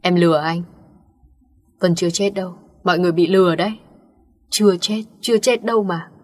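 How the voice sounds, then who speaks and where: A woman's voice: on the low side, fairly even intonation, brisk, lightly acted. A woman voicing a drunk, remorseful young man who pleads and repeats himself. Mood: grieving.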